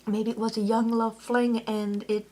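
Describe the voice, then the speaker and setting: A woman's voice: fairly high pitch, little pitch movement, a little slow, a little mellow, a little hiss or hum. A woman vlogging in a casual, rambling way, peppering her talk with "like" and correcting herself as she goes. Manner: chatty, lots of "like", self-correcting.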